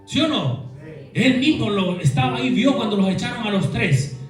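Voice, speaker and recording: A man's voice: high-pitched, sing-song, normal speed, recorded from a distance, soft background music. A man preaching a sermon who asks the congregation to repeat his words and acts out complaining voices in quotes. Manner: call-and-response, asking the congregation to repeat. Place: church hall. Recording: echoey room, voice from off-mic.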